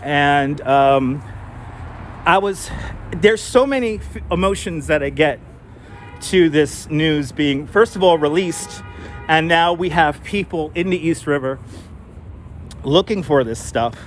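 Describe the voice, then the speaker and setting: Walking outdoors through city streets, a man from New York City with a mild accent live streams to his viewers, speaking slowly in a high-leaning voice and pausing often. Chatty, he thinks aloud full of fillers and restarts, his wireless clip-on mic catching faint traffic behind him.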